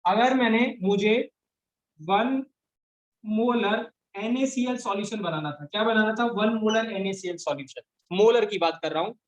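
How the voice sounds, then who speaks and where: A man teaching a chemistry class in Hindi mixed with Indian English, dictating definitions slowly and repeating each phrase for his students. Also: high voice, low-quality recording. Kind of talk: classroom lecture dictating notes.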